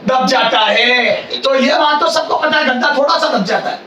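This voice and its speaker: A male physics teacher giving a classroom lecture in a loud, near-shouting voice, repeating phrases and quizzing his students. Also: very high-pitched, fairly quick. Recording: echoey classroom, mic far off, faint hiss.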